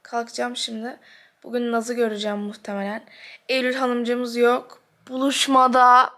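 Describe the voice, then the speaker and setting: A woman's voice: fairly high pitch, little pitch movement, normal speed. A young woman vlogging in casual chat to the camera, blunt and self-mocking, swearing freely as she rambles about her day. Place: at home and out and about.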